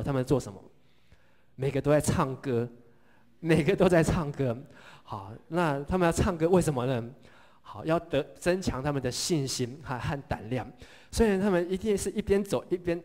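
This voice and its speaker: A middle-aged man preaching a sermon. He tells the story in a lively way, asks the congregation questions and has them repeat lines back. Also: mid-range voice. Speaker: pastor.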